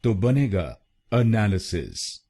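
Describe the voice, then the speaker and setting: A man giving a slow, scripted pronunciation lesson, breaking words into syllables and repeating them carefully. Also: lowish voice, sing-song, dark tone. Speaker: pronunciation teacher.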